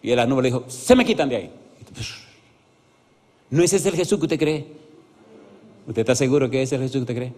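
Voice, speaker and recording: A man preaching an animated sermon as pastor, often asking the congregation yes-or-no questions and acting out voices in his stories. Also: mid-range voice, fast talker, long pauses. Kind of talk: lively evangelical sermon with acted-out stories. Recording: reverberant church hall.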